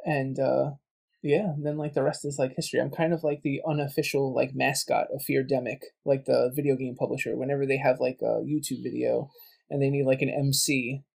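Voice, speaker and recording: A man's voice: mid-range voice, little pitch movement, brisk, creaky, darkish tone. A man guesting on a podcast, chatting casually and telling stories full of quoted back-and-forth. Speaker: guest, game writer and voice actor.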